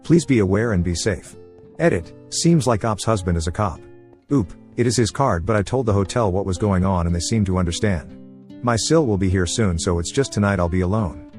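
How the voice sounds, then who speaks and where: A man narrating forum posts as a story, reading quickly with few pauses. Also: low-pitched, lively intonation, a little mellow, faint music behind. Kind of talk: fast scripted story reading.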